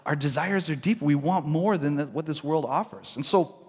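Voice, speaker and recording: A man's voice: a little high, normal speed, slightly rough. A man preaching a sermon in a church, in an earnest conversational way, often restarting his sentences. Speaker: pastor. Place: church sanctuary. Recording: long church hall reverb.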